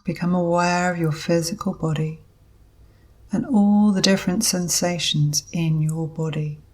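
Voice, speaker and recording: A woman with a fairly low, steady, darkish voice guides a meditation at a very slow pace. Speaking as a yoga instructor, she uses short, measured phrases separated by pauses.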